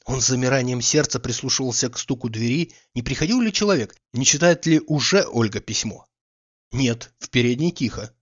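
A man reading a literary audiobook in a measured, calm storytelling manner. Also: medium pitch, husky, muffled recording. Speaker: audiobook reader.

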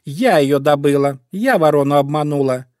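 A cunning vixen from a children's storybook, her voice pitched high and dripping with flattery, as a male narrator puts her on. She coaxes in a singsong tone and squeals when she is crossed. The sound is dry and close. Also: measured pace, no echo. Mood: shrill. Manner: honeyed, coaxing, turns shrill when crossed. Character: sly sweet-talking female fox. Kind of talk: storybook reading.

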